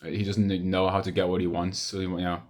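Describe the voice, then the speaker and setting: Rambling young man with a low voice. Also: level tone, a little fast, darkish tone. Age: young adult. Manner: hesitant, repetitive, with trailing thoughts. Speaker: video diarist. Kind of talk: casual rambling monologue to camera.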